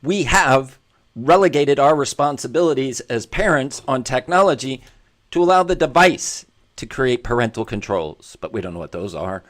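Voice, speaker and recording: A man hosting an opinionated commentary monologue, blunt and self-deprecating, who repeats his points for emphasis. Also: mid-range voice. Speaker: commentary show host.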